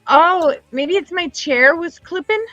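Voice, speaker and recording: A woman's voice: very high voice, measured pace, a bit bright, dry recording, highs cut off, faint music behind. A woman hosting a live online craft supply sale, chatting casually and rambling with fillers as she shows fabric. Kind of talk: casual live-stream selling.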